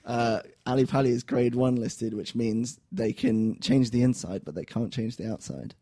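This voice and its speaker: Bloke, mellow low-key voice, dry close mic, ribbing his mates. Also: moderate pace, dry recording. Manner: teasing, dry storyteller. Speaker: co-host. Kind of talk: casual podcast banter.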